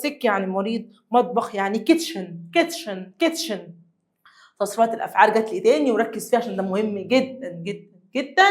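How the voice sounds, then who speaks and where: A young woman with an Egyptian Arabic accent teaching an English lesson to children, coaxing them along and repeating words slowly. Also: a little high. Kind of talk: classroom lesson explaining vocabulary.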